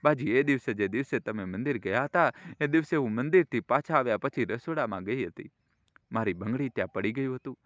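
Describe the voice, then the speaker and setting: Figure: timid young woman, a household maid. Performer: a man doing her in an everyday voice. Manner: hesitant, deferential. Pitch: mid. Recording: dry. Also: animated, a little fast, fairly bright tone, dry recording, close to an everyday voice. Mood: confiding.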